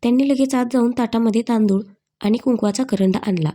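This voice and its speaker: A woman storyteller who reads a scripted story in a steady, even manner. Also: fairly high pitch, quick pace. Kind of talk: scripted narration.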